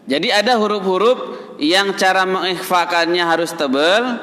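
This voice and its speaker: A man teaching Quran recitation in a mosque, patiently correcting students and chanting verses slowly. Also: high voice, sharp tone. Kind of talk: tajwid lesson in a mosque. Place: mosque hall. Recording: reverberant mosque hall.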